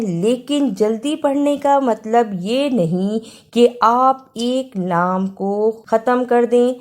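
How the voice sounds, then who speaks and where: A woman teaching a Quran recitation lesson, spelling words out slowly letter by letter and then reciting them melodically. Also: mid-range voice, a little mellow. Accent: Pakistani Urdu.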